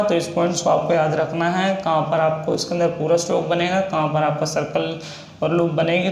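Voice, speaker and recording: A man with a Hindi accent, a shorthand teacher, explaining a lesson and slowly spelling out example words one by one. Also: on the high side, gravelly. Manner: slow, repetitive, drawn-out spelling of example words. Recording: echoey room with faint noise.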